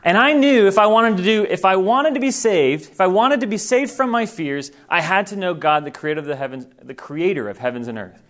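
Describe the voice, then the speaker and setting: A man's voice: high-pitched, expressive, fairly quick, hardly any pauses, a bit bright. A man who grew up in Thailand, giving an earnest, informal training talk to missionaries and correcting himself as he goes.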